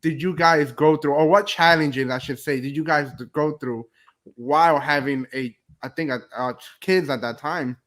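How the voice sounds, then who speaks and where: A man's voice: fairly high pitch, normal speed, fairly bright tone. A young adult man from New Jersey hosting a casual interview over a video call, rambling and restarting his questions. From New Jersey, USA. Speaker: host.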